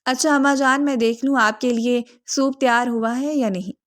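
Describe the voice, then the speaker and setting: Motherly middle-aged woman, gently teasing, caring, storybook reading, voiced by the narrator, high-ish voice. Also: steady tone, close to an everyday voice.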